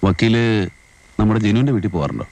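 A brooding paroled man who speaks little, in a low, subdued voice. His words come soft and heavy in film dialogue. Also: animated, quick pace, vocal fry. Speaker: convict out on parole.

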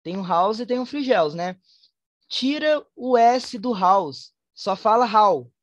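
A woman with a Brazilian Portuguese accent, teaching an online English class, switching between Portuguese and slowly spoken English examples. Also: mid-range voice, lively intonation, no echo. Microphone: online class headset or computer mic.

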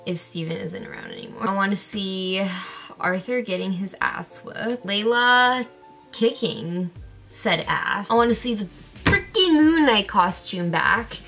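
A young woman hosting a reaction video, chatting casually and excitably and laughing often. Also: mid-range voice, unhurried, vocal fry, soft background music.

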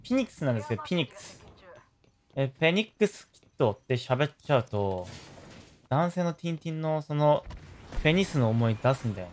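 Lively man streaming games. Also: mid-range voice, a little fast, long pauses. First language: Korean. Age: 30s. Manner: joking and animated, with loud yelps and laughs. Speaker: game streamer. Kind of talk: casual gaming stream chat.

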